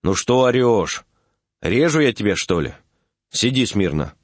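A man's voice: lowish voice, very animated, unhurried, no echo. A man reading the part of an impatient country doctor who scolds and mocks his patients. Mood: gruff. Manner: mocking, scolding. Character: gruff rural male doctor, impatient and scolding.

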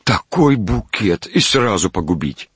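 A man voicing a vain, excitable male official who shouts and frets, then muses dreamily. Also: sits low, takes it slowly, vocal fry, breathy edge, no echo, full character voice. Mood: agitated.

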